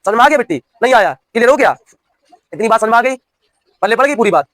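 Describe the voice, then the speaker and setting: A man's voice: very high voice, animated, fast talker, a bit bright, no room sound. A man teaching a class, dictating notes phrase by phrase with repetition and checking that students follow. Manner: dictating, repeats each phrase for note-taking; checks understanding with repeated questions. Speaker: physics teacher for railway exam prep.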